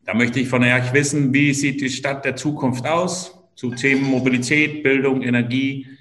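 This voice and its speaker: A man from a city office on a video call, brisk and jokey as he lists his points. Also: medium pitch, flat delivery, fairly bright tone. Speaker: mayor's office staffer. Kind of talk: panel contribution.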